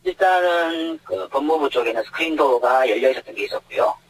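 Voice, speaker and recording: A man's voice comes through a deep pitch-shift filter that hides who he is. He talks at a brisk clip with a slightly husky edge. He lays out the details of his job point by point, often pausing on fillers before going on. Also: poor audio. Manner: explains step by step, starts with hesitant fillers. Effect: voice disguised by deep pitch shifting. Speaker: airport security guard. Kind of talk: anonymous news interview answers. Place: connected to the studio from elsewhere.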